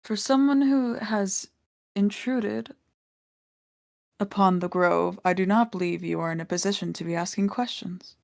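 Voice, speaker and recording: Woman game master voicing a stern robotic construct guard: flat, cold, formal. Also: mid-range voice, measured pace, creaky, dry recording. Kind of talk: voicing a figure in a tabletop game.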